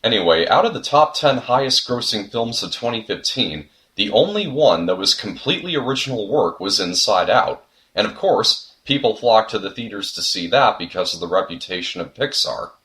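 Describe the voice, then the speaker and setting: A man's voice: fairly low pitch, animated, normal speed, bright, forceful tone. A young man narrating a scripted video essay, earnest and reflective, with the odd sudden comic outburst.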